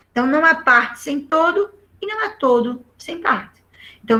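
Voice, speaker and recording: This literature lesson comes from a middle-aged Brazilian woman whose voice is high, bright and forceful. She explains things patiently and keeps checking in with the class.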